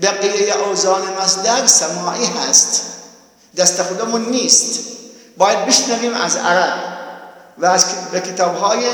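Male teacher, high voice, patient and repetitive, quizzes students; echoey room with long reverb. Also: a bit bright. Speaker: teacher of Arabic grammar. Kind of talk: online class lesson.

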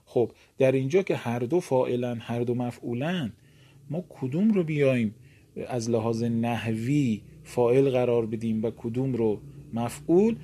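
A man whose first language is Persian teaching an Arabic grammar lesson, chanting verb forms slowly and then explaining them in casual speech. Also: medium pitch, mellow. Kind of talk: recorded lesson.

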